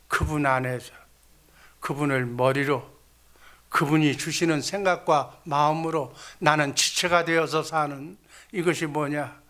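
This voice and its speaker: A pastor preaching with a forceful, bright tone that sits a little high for a man. He exhorts his flock, repeatedly blesses them in the Lord's name, and poses questions he answers himself. He leads them in call-and-response. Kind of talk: sermon.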